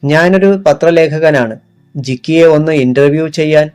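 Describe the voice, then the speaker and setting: A man's voice: fairly high pitch, measured pace, darkish tone, clear, resonant tone, faint music behind, lightly acted. A man voicing a pushy young male newspaper reporter who asks direct, insistent questions.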